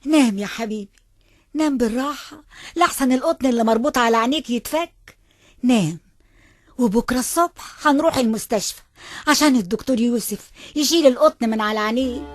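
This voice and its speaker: A woman's voice: sits high, brisk, long pauses, no room sound, clean studio sound, faint music behind. A woman playing a tender Egyptian mother. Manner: gentle, comforting.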